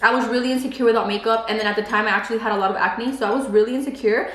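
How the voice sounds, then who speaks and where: Her voice is a little high with fairly even intonation, racing along in a roomy-sounding recording. She is a pregnant beauty vlogger in her twenties, a native Spanish speaker who chats casually while eating and often says "like."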